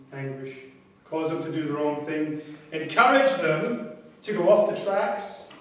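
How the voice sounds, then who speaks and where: An older man speaks slowly and deliberately from a distance, his fairly high voice ringing around a large echoing hall. A faint hiss of room noise sits behind him. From Scotland. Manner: measured storytelling with pauses. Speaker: club speaker. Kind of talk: prepared club speech. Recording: echoey hall from far off.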